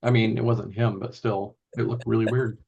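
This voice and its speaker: A man interviewing on a video call, musing and thinking out loud in casual conversation. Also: fairly low pitch, flat delivery, moderate pace, creaky, breathy edge. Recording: slightly dull lo-fi audio.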